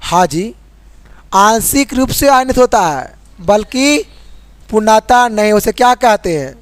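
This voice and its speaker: High-pitched man teaching chemistry, drilling questions. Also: lively intonation, no echo. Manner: repeats questions and drills answers; spells formulas slowly letter by letter. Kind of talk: classroom chemistry lesson.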